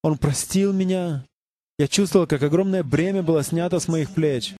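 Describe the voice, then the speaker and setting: A man's voice: a little high, moderate pace, dark tone. A man preaching a sermon, earnestly asking the congregation questions. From United States.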